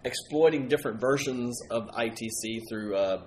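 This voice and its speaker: A man's voice: mid-range voice, normal speed. A man in casual conversation, hosting a ghost-hunting talk show. He rambles in a chatty way, often correcting himself mid-sentence. A faint hum sits under his voice. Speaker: paranormal podcast host. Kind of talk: casual chat.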